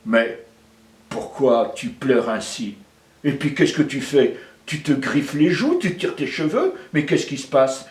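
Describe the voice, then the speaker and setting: A male storyteller voicing a foolish old crow who sighs and laments in a lowered voice. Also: very animated, measured pace. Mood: curious. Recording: roomy echo, mic far off.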